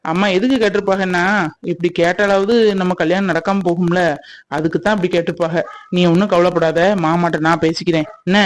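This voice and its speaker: Someone voicing a calm, protective young fiancé. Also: medium pitch, natural voice. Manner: soothing, teasing, steady reassurance. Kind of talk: cartoon voice acting.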